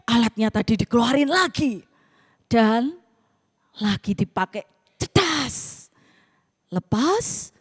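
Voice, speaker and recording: Woman preacher doing a little spinach plant, soft and earnest, pitying, lively pitch, echoey hall. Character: small, gentle spinach plant, caring and honest. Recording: reverberant church hall.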